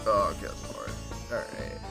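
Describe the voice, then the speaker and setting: A man streaming a game, chatting casually and excitably, swearing freely. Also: a little slow, over music. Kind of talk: casual let's-play chat.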